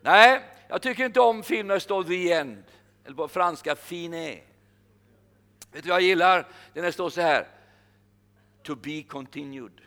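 An older man preaching a sermon, emphatic, slowing down to repeat his key phrases. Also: high-pitched, sharp tone.

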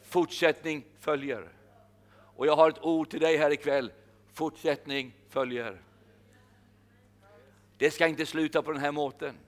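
An older man preaching a sermon, emphatic, slowing down to repeat his key phrases. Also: on the high side, flat delivery.

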